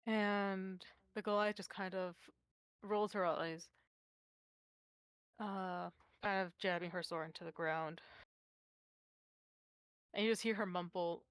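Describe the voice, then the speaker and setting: A woman narrating as game master, slow and halting with many fillers. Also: medium pitch, fairly even intonation, clean tone, no echo.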